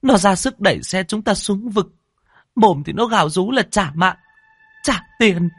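A man's voice: very high voice, expressive, fairly quick, husky, no echo, faint music behind, voice pushed up, heavily acted. A man doing a hysterical, terrified young woman. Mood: frightened pleading. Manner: screaming, pleading, sobbing. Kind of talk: audiobook narration.

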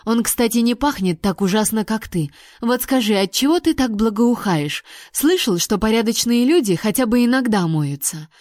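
A woman reading an audiobook, voicing a sharp-tongued young woman held captive who scolds her captor sarcastically. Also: on the high side, expressive, moderate pace, hardly any pauses, no echo, studio quality, natural voice. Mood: scolding.

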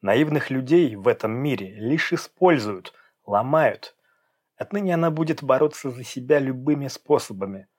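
A man reads a story aloud as audiobook narration. His delivery is even and measured, at a mid pitch for a man.

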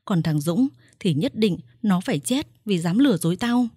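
A woman's voice: medium pitch, expressive, normal speed, breathy edge, no room sound, clean studio sound. A woman voicing a young mother who has been tricked out of her baby, raging and sobbing. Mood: bitter, vengeful. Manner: shouting, sobbing, vengeful. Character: furious young mother, wronged mistress.

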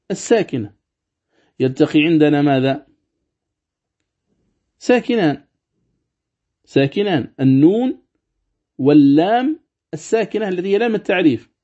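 A man gives a religious lesson on Quran recitation, explaining each rule step by step. His voice sits a little high but has a warm, mellow tone. He poses rhetorical questions and stretches out the recited examples slowly, and the recording sounds dull and lo-fi.

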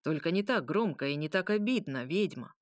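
A woman voicing an ancient, scheming male demon marquis with a mocking, lordly, drawn-out manner. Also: on the low side, lively intonation, dry recording, clean studio sound, natural voice. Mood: smug.

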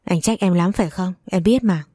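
A woman's voice: on the low side, moderate pace, dark tone, breathy edge, dry recording, clean studio sound. A woman reading the part of a manipulative, vengeful young woman in a spoken story. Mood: tearful, pleading.

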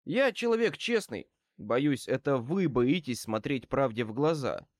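A man's voice: mid-range voice, unhurried, dry recording, studio quality, close to an everyday voice. Man voicing a wry wizard detective. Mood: wry, cool. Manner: wry, calmly threatening. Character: male wizard private eye, dry and wry.

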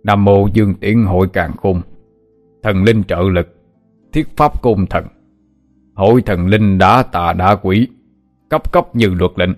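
A man voicing a calm, authoritative older exorcist who speaks in a measured way. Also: sits low, faint music behind. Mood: chanting.

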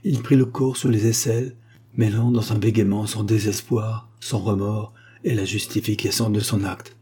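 A man reading a short story aloud in a steady, even storytelling manner. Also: on the low side, normal speed, breathy edge. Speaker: audiobook narrator.

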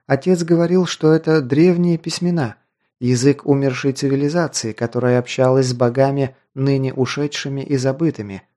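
A man reading an audiobook, voicing a proud but sheltered young noble girl in a raised, softened voice. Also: medium pitch, steady tone, moderate pace, lightly acted.

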